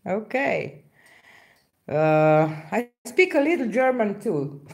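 An acrylic pouring artist in her forties from Slovenia hosts a live stream at an indoor craft table with an overhead camera, casually reading out viewer comments. Her Slovenian-accented, mid-range voice is gravelly with big pitch swings, and she halts often, hunting for words amid many fillers.

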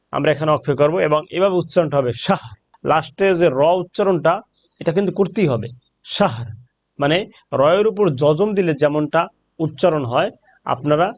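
A man with a Bangladeshi Bengali accent gives a patient Quran recitation lesson, repeating each point for his viewers. His voice sits a little high, and he slows right down to chant the Arabic verses. The recording is dull and lo-fi. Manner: slow, drawn-out chanting of Arabic verses between explanations. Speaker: Islamic teacher.

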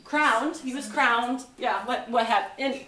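A woman docent gives a relaxed history talk, chatting easily and laughing at her own slips. Her voice sits somewhat high. She is picked up from a distance in a roomy, echoing space with faint noise underneath. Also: slow pace. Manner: chatty, laughs at herself, loses words. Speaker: museum docent. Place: museum lecture room. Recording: echoey room, mic far off.

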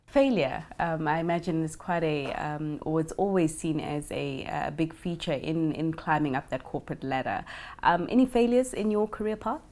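Low-voiced woman hosting a TV interview. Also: normal speed, a little mellow. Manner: upbeat, probing questions. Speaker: TV business show host. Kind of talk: television interview. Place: office with window blinds. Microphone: lapel mic.

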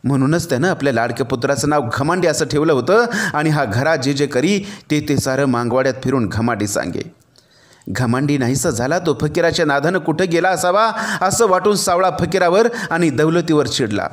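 Guy reading a village novel out loud, kinda high voice, very expressive. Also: brisk. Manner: expressive storytelling. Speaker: audiobook narrator.

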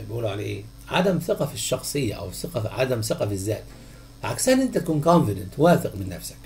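Gravelly Egyptian man teaching English. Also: mid-range voice, a little mellow, slight background noise. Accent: Egyptian Arabic. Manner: questions the class, then answers himself in a drawn-out voice. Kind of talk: textbook answer walkthrough.

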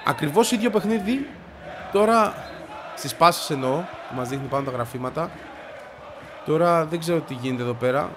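Excitable man yelling over a football game. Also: a little high, pauses often, a crowd in the background, noisy background. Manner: shouts and yelps at the game, frustrated outbursts. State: stuffy, congested voice. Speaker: gaming video creator. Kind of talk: excited gameplay commentary.

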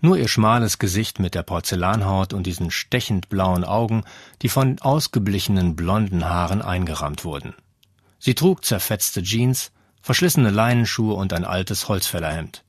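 Brief: male audiobook narrator, low and husky, steady measured reading. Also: no echo, studio quality. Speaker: audiobook reader. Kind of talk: scripted narration.

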